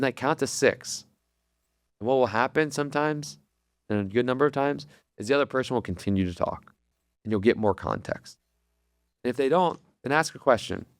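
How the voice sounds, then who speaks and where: A man's voice: mid-range voice, no echo. Rambling man hosting a podcast, dry close mic. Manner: rambling storytelling with many fillers. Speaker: podcast host. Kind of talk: casual solo podcast talk.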